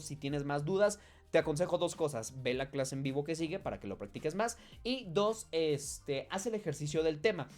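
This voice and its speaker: A man teaching an English lesson in a chatty, encouraging way, slowing down to model English phrases. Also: fairly high pitch, darkish tone. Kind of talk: casual online lesson.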